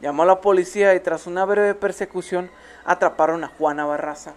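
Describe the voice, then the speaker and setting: A woman's voice: on the low side, steady tone, brisk. A woman with a Mexican accent, co-hosting a true crime podcast, reading the case aloud and breaking off for playful asides. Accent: Mexican Spanish. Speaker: podcast co-host.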